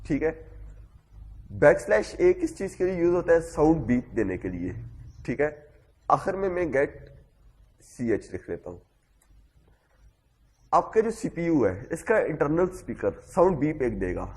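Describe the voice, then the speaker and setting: In this classroom coding lecture, a man teaches programming in a fairly high, very animated voice with a darkish tone and long pauses. He explains each step in turn and keeps repeating "theek hai," or "okay," after nearly every phrase.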